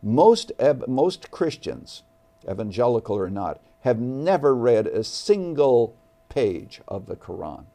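A man appearing as a studio guest, speaking earnestly and deliberately about faith. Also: mid-range voice, sing-song, creaky, dark tone. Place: television studio.

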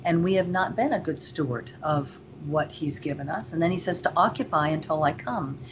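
A woman's voice: low voice, moderate pace, noisy background. A woman from Venezuela, a guest on an interview show, talking earnestly and reflectively, on dull lo-fi audio. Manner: earnest, faith-driven, reflective. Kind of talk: interview talk. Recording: dull lo-fi audio with faint ambience.

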